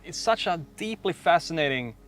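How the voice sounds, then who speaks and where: A man speaking as a meditation teacher, guiding a slow, calm meditation with long pauses. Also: a little high. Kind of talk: guided meditation talk.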